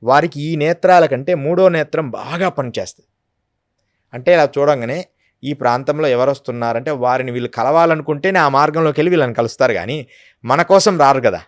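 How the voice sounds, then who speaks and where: A man's voice: fairly high pitch, a little fast, no room sound, studio quality. Earnest man telling yogi stories. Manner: earnest, storytelling with acted quotes. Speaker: yogi guest. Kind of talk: devotional interview talk.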